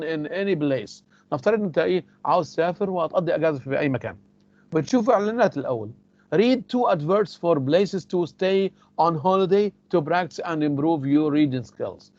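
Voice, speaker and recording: A man with an Egyptian Arabic accent teaching English, explaining phrases in Arabic and repeating the English examples slowly and carefully. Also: a little high, darkish tone, no echo, lo-fi sound. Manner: repeats key words for emphasis.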